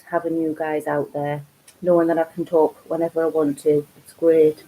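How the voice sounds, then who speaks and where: A woman's voice: fairly low pitch, dark tone, poor audio. A woman with a Geordie accent hosting a casual live craft stream from home, chatting and rambling with lots of ums. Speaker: craft channel host.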